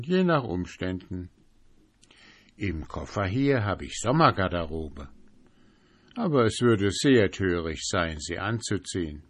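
A man's voice: mid-range voice, fairly bright tone, dry recording, pitched above the performer's own voice. A man voicing a fickle, mischievous young man who teases and chatters, in a storybook reading. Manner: teasing, playful.

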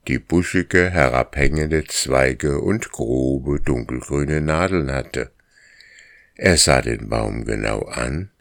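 A man reading a story aloud as narrator, in a slow, measured storytelling manner. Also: a bass voice, a bit bright, dry recording, clean studio sound. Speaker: audiobook narrator. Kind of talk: scripted narration.

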